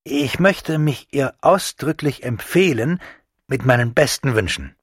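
A man's voice: medium pitch, lively intonation, unhurried, husky, dry recording, clean studio sound, voice pushed up. A man voicing a German army captain greeting an old friend in an audiobook, in a raised, heartfelt voice. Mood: earnest.

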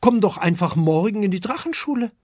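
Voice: medium pitch, animated, a little fast, darkish tone, dry recording, studio quality, voice pushed up, close to an everyday voice. A reader voicing a friendly, helpful young fire dragon in a children's story, speaking eagerly and encouragingly.

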